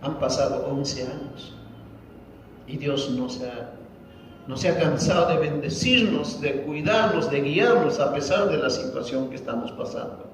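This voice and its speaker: A man's voice: on the high side, a little slow, a little hiss or hum. A man, a pastor, giving an emotional testimony sermon and acting out the dialogue of his story. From Peru. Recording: echoey hall, distant mic, dull lo-fi.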